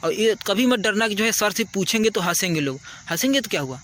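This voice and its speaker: A teacher talks casually with children outdoors at night, offering earnest advice over and over and saying "ठीक है" to make sure they follow. His high, animated voice is fairly bright and a little fast, with a little hiss or hum in the recording.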